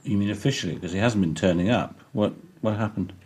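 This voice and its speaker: A man conducting a documentary interview, asking gentle but probing questions. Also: lowish voice, fast talker, breathy edge.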